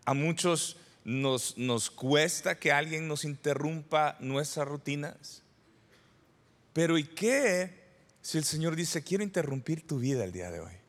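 Preaching from the sanctuary, this Salvadoran pastor in his forties keeps his sermon conversational, leaning on rhetorical questions and repetition. He sounds expressive and unhurried, his pitch fairly high, with the church hall adding plenty of reverb.

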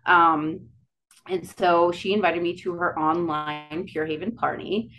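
A woman from the Dakotas with a Dakota accent, telling her own story casually and haltingly as a podcast guest. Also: low voice, fairly bright tone, rough recording. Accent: Dakota, Upper Midwest. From Dakotas, United States. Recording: clear background noise.

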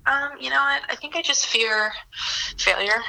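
A woman heard over a speakerphone call. Her voice is bright and forward, and her talk is relaxed and thoughtful as she joins a casual conversation. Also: sits high, normal speed, vocal fry, low-quality recording. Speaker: phone caller, host's sister. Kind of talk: casual chat.

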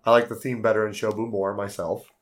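A man hosting a board game podcast in casual chat, his voice hoarse and worn out from yelling. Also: on the low side, level tone, fast talker.

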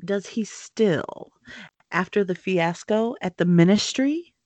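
A woman reading a novel aloud in a casual session, slowly and carefully. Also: medium pitch, a little mellow, no echo. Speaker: reader.

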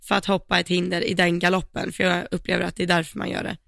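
Female podcast co-host, bright with vocal fry, outspoken and emphatic. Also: lowish voice, flat delivery, no room sound, clean studio sound. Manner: frank and emphatic, speaks her mind. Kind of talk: casual chat about competition riding.

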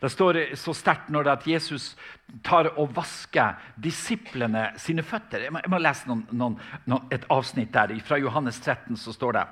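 A Norwegian man with a mid-range, fairly bright voice preaches a sermon woven with stories. He is fervent and emphatic, frequently restarting his phrases.

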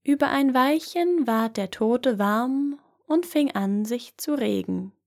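Woman narrator, storybook reading, calm and measured, slow pace, gravelly fry. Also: a little high.

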